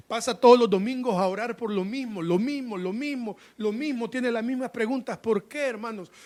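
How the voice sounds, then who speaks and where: Male preacher, high-pitched, keeps addressing the brothers, swings from booming to hushed. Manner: fervent preaching, constantly addressing the congregation as brothers; sweeping swings between loud and hushed. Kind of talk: sermon.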